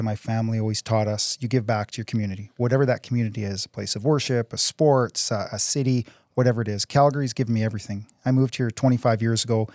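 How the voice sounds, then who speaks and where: A man's voice: medium pitch, a little mellow, dry recording, clean studio sound. A man in his forties, a city council candidate answering interview questions in an earnest, upbeat way, often repeating words as he goes. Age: 40s.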